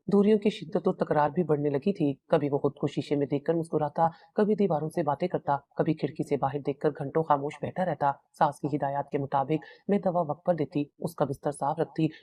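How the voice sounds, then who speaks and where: Low, mellow woman narrating a story. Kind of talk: first-person storybook narration.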